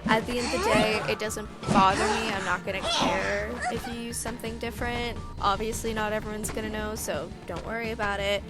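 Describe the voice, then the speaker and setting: A woman's voice: medium pitch, fairly even intonation, brisk, few pauses, over loud music. A woman in her early twenties with a feminine voice, giving a casual, self-conscious voice-over with rambling, self-mocking asides. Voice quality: feminine-sounding. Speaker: gaming channel creator.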